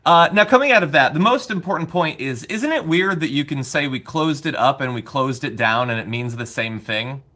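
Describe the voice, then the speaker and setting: A man gives casual, opinionated political commentary as a show host. His voice sits fairly high and swings widely in pitch, with a sharp, bright edge. He is sarcastic and exasperated, and swears easily. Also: lively intonation, normal speed, hardly any pauses.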